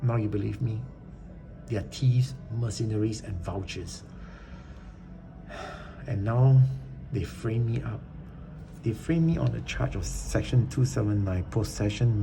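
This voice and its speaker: A man's voice: on the low side, vocal fry, poor audio. A man giving an indignant, emphatic rant as he reads online posts and reviews aloud, often repeating words as he gets worked up. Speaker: vlogger. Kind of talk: ranting commentary reading online posts aloud.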